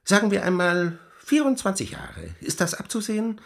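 An actor playing the Devil as a sly, mocking, smooth-talking tempter in a radio drama, theatrical and insinuating. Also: male voice, high-pitched, animated, moderate pace. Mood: gloating, theatrical. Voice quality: husky, breathy, creaky. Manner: theatrical, insinuating, wordy with mannered archaic phrases.

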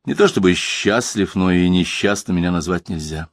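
A man narrating a literary audiobook in a measured, expressive reading voice. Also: sits low, no echo, clean studio sound.

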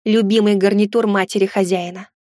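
A woman voicing a fussy, chatty female fairy house spirit in a storybook reading, talking in an excitable, theatrical way. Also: mid-range voice, fairly quick, no room sound, studio quality, lightly acted. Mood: chirpy.

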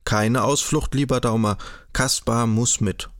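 A man voicing a brisk, mocking older society lady in an audiobook, bossy and insistent, with a French exclamation now and then. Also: medium pitch, steady tone, no echo, clean studio sound, close to an everyday voice. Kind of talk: audiobook character voice.

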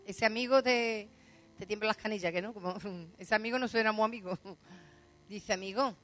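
A woman with a Spanish accent preaching a sermon, telling stories with frequent laughs and acting out quoted lines. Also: mid-range voice. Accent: Spain. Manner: storytelling, laughs often and acts out quoted lines.

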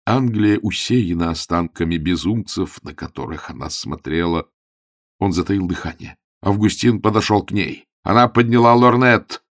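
A man narrating a comic story in a measured, expressive way. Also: deep voice, no room sound, clean studio sound. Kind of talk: audiobook story reading.

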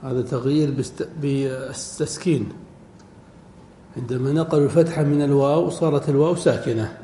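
A middle-aged man teaching Arabic word forms in a classroom lecture, quizzing his students and repeating each form slowly. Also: mid-range voice, mellow. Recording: echoey hall recording, faint background noise.

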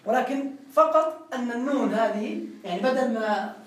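A man's voice: very high-pitched, lively intonation, moderate pace, fairly bright tone, distant mic. A man teaching a classroom grammar lesson, explaining step by step and quizzing his students. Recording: roomy classroom with faint noise.

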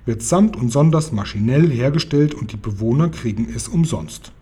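Ein Mann, der beim Vorlesen eines Kinderbuchs eine freundliche, geduldig erklärende alte Dame spricht, mit heiserer Stimme. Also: male voice, medium pitch, lively intonation, normal speed, dark tone, slightly rough. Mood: friendly explaining. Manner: friendly, patiently explaining, occasionally stern. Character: kind, calm old lady in a car. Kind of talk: reading a children's book aloud.

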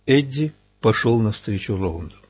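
A man narrating an audiobook in an even, steady storytelling manner. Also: on the low side, moderate pace, slightly rough. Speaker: audiobook reader. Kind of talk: scripted narration.

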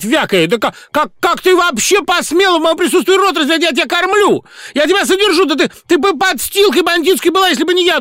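A man voicing a spiteful, hysterical male pop singer who screeches insults in a very high, loud voice. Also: no room sound, clean studio sound, exaggerated voice.

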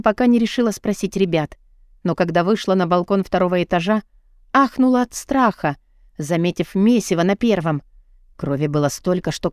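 A woman's voice: mid-range voice, darkish tone, dry recording, clean studio sound. A woman narrating a novel in the first person, reading dramatically and with strong emotion. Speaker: audiobook narrator.

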